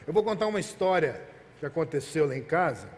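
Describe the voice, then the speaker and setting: A man's voice: on the high side, big pitch swings, fairly quick, darkish tone. A male pastor preaching a sermon, telling a personal story earnestly and asking the congregation rhetorical questions. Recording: long hall reverb.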